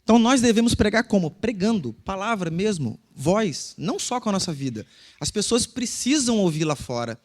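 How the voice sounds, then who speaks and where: A man's voice: high-pitched, big pitch swings, normal speed. A man with a Brazilian Portuguese accent preaching a casual, conversational sermon to a church congregation. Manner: conversational, asks the congregation questions. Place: church service.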